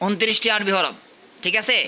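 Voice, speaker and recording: A man from Bangladesh teaching at a madrasa, quizzing his pupils and repeating questions while urging them to answer louder. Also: high-pitched, a little fast, very noisy. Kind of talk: classroom quizzing.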